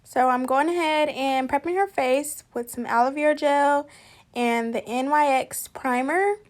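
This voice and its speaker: Slow-talking, higher-voiced young woman. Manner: chatty and easygoing, talks through each step. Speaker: makeup artist. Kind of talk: casual tutorial voice-over.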